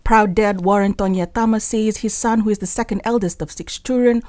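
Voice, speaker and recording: A woman news reporter reading a scripted voice-over with even, formal delivery. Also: medium pitch, a little fast, no echo, studio quality.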